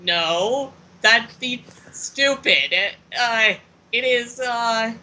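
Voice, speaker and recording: A woman voicing a slow, prickly young male Weedle courier who is proud and indignant. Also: fairly high pitch, sharp tone, voice pushed up, full character voice.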